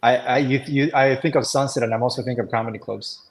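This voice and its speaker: Casual male host, rambling, lots of restarts, mid pitch. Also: fast, rough recording. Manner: rambling, restarts, many fillers. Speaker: webinar host. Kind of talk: casual chat.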